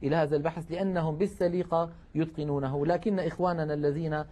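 Patient male tajweed teacher, slightly high voice. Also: fairly even intonation, quick pace, warm tone. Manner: patient, explanatory, with frequent hesitations. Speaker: Quran recitation teacher. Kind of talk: broadcast lesson on tajweed.

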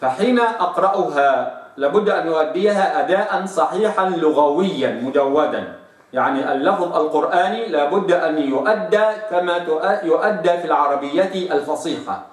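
A man teaching Quranic recitation rules, stretching out example words slowly to demonstrate sounds. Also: a little high, echoey room, distant mic. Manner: drawn-out slow recitation of examples. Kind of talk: tajweed lesson with slow demonstrations.

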